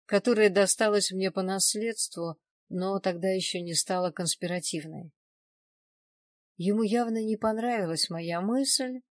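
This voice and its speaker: A woman narrating a first-person crime novel in an even, measured reading voice at a close studio mic. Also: on the low side, dry recording. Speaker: audiobook narrator.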